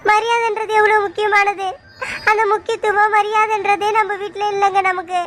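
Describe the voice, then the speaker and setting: A woman doing a hurt young village wife in a cartoon, pouring out long tearful complaints. Her voice is very high and piercingly bright. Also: flat delivery, normal speed, faint music behind. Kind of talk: cartoon voice acting.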